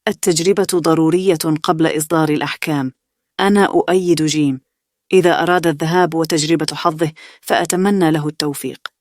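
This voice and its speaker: Woman reading a calm wise old father. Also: deep voice, fast talker, dry recording, studio quality, natural voice. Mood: reproving. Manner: calm, reproving.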